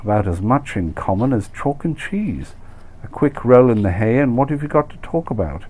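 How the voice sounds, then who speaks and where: In a comic short story reading, a man acts out the dialogue of a chatty, nosy middle-aged expat wife, pitching his medium voice above his own with a darkish tone and big pitch swings. At a moderate pace she sounds blasé, handing out gossipy, cliché-laden, condescending worldly advice.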